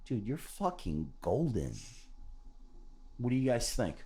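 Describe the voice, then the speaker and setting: Warm and very animated, this man's medium-pitched voice moves slowly as he hosts a motivational podcast on self-love. His delivery is sincere and relaxed, with repeated key phrases and the occasional curse, and people call it a radio voice.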